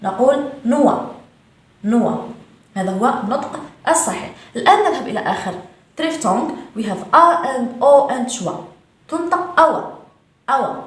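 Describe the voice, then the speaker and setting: A woman teaching English pronunciation in a lesson, repeating each word slowly and stressing it. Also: on the high side. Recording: very echoey room.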